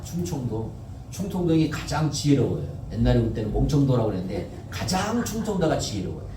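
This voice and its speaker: A man's voice: fairly high pitch, darkish tone, slight background noise. A male pastor preaching a Sunday sermon in a conversational way, often asking the congregation questions and answering them himself. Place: church sanctuary. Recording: echoey church, mic at a distance.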